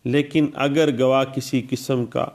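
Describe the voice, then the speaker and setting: Unhurried and flat, a man with a darkish, mid-range voice lectures on law. He breaks down legal rules step by step, repeating statute citations, with English words mixed into his Urdu legal terms.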